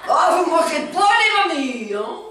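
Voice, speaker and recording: A woman's voice: high voice, animated, fairly bright tone. An actress playing an exuberant older woman, a former actress, who talks in a chatty, theatrical way on a theatre stage. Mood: lively. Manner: chatty, theatrical, quick-witted. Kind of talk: stage comedy performance. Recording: roomy stage sound from far off.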